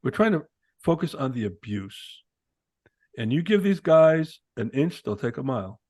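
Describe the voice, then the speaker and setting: A man co-hosting a casual political podcast, animated and joking as he reads old quotes aloud. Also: mid-range voice, moderate pace, dry recording. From Italian-American. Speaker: podcast co-host. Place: Arizona.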